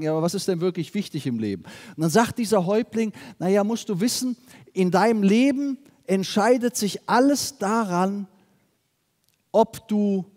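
A middle-aged man addresses a seminar audience as a sales trainer, his fairly high voice swinging up and down as he tells stories. He throws rhetorical questions at the room. A long hall reverb trails after his words. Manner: lively storytelling, rhetorical questions. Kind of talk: seminar talk to a live audience.

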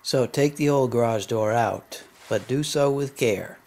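A man reading a scripted promotional voice-over in an even, measured way. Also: medium pitch, a little hiss or hum. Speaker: narrator.

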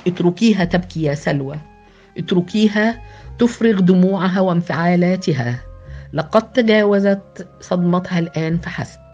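A woman voicing a firm, measured male team leader in an audio novel. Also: lowish voice, expressive, darkish tone. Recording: dull lo-fi with background music.

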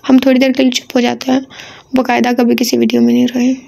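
A woman's voice: fairly high pitch, completely flat delivery, fast, vocal fry, mellow. A woman reading an audio novel aloud, breaking off now and then for chatty asides to her listeners.

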